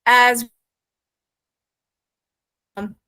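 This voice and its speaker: Woman accent coach on a video call, higher voice, unhurried, dry close sound, constant "okay?" check-ins. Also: little pitch movement, bright, forceful tone. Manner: checks in with "yeah?" and "okay?" after nearly every phrase; repeats model words slowly for students to echo. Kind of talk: live online pronunciation lesson.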